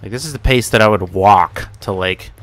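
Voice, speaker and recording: Playing a horror game for his channel, a young man casually narrates, muttering, swearing and rambling, and lets out yelps and curses whenever something jumps out. He speaks at a moderate pace in a lowish, slightly bright voice.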